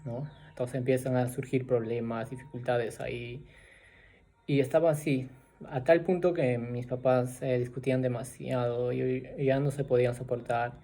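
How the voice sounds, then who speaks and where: Soft, halting man sharing testimony. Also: medium pitch. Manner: soft-spoken, halting with many fillers and tag questions. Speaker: storyteller sharing his testimony. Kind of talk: personal faith testimony, unscripted.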